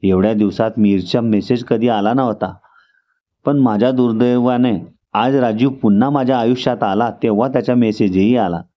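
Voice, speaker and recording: A man reading a first-person story aloud as a steady narrator. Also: medium pitch, moderate pace. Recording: dull lo-fi recording.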